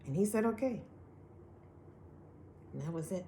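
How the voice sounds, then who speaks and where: An earnest woman recounts her personal testimony with animated storytelling. She speaks at a middle pitch, slipping into acted-out quotes along the way. The room around her carries a noticeable echo. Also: unhurried, a little hiss or hum. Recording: echoey room.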